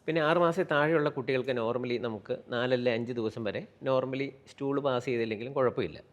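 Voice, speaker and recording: Fast-talking male pediatrician explaining. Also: medium pitch, highs cut off. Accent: Kerala Malayalam. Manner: explanatory, mixes in English medical terms. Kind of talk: explaining to an interviewer.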